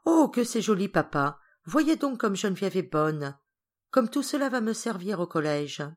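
A woman voicing an excitable, somewhat spoiled young boy in an audiobook, raising her voice. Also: medium pitch, normal speed, natural voice. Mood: eager.

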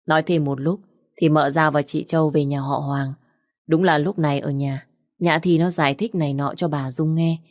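Female story narrator, low voice, dry close sound. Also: steady tone, moderate pace, a little mellow, dry recording.

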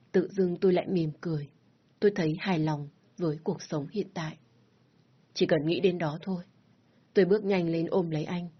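A woman reads a first-person story aloud in a soft, reflective, unhurried way. Her voice is low and husky. The recording sounds dull and lo-fi.

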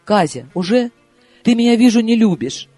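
An excitable young woman in love, voiced by a male reader, her lines pitched high with lively, rising questions. She exclaims and pleads over soft background music in a storybook reading. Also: moderate pace, no echo. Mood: pleading.

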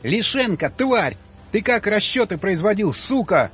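Hysterical shouting male officer, put on by a narrator; high and raspy. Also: animated, racing. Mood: furious. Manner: shrill, yelling. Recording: slightly dull audiobook audio, faint music.

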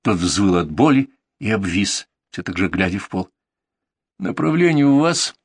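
A man's voice: low-pitched, expressive, normal speed, breathy edge, dry recording. A man narrating a story in a dry, ironic, matter-of-fact way. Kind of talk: audiobook narration.

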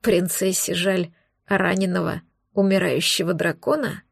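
A woman's voice: mid-range voice, animated, moderate pace, creaky, darkish tone, no room sound. A woman voicing a wounded male dragon in human form who grumbles with dry, mocking irony, in an audiobook. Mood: grumpy, mocking. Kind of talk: audiobook dialogue.

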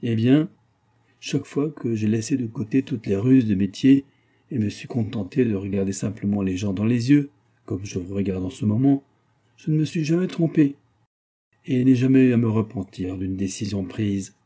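A man reading the lines of a cordial, enthusiastic little businessman with a courteous, warmly persuasive manner in an audiobook. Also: lowish voice, normal speed, breathy edge.

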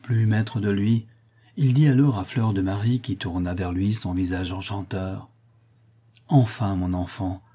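A man narrating a classic novel in a measured, steady manner. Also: fairly low pitch, slightly rough. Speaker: audiobook narrator. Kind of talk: scripted narration.

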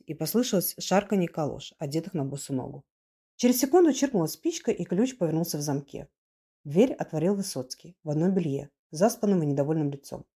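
A woman reads a novel aloud at a steady, measured pace. Her voice is mellow and warm, sitting at an ordinary middle pitch for a woman. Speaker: audiobook narrator. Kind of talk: scripted narration.

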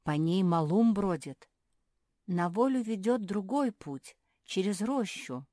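A woman voicing a gentle, kind young female jerboa in a storybook reading, speaking softly and earnestly. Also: mid-range voice, lively intonation, takes it slowly, dry recording, clean studio sound, voice pushed up. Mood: timid. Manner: soft, forgiving, earnest.

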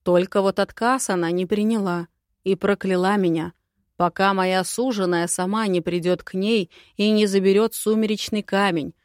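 Woman reading a dragon prince, calm, earnest, steady, audiobook, dry. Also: mid-range voice, normal speed, no echo, close to an everyday voice.

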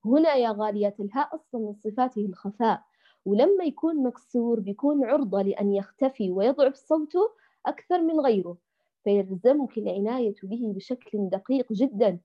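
A woman teaching Quran recitation to women, patiently drilling and repeating syllables slowly. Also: fairly high pitch. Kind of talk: tajweed lesson for women. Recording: dull lo-fi audio.

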